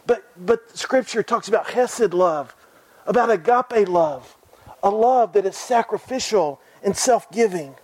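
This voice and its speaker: A man's voice: sits high, darkish tone, no room sound, low-quality recording. A man preaching a sermon in an earnest way, repeating phrases and asking his listeners direct questions.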